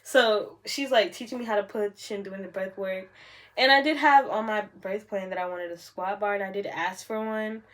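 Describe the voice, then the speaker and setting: A young woman talks straight to her camera in a relaxed storytime vlog. Her delivery is chatty and animated, full of casual "like" fillers. Her voice sits at an ordinary middle pitch for a woman. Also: normal speed. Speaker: vlogger.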